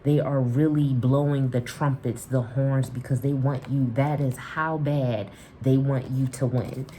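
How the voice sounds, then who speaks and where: A woman's voice: extremely low pitch, steady tone, measured pace, warm tone, a little hiss or hum. A woman doing a spiritual tarot reading, speaking affirmations directly to the listener and often repeating herself. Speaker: tarot reader.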